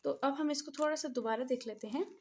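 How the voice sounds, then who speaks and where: A woman teaching a language lesson in a patient classroom style, repeating each word slowly syllable by syllable and often reassuring with "okay". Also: high voice.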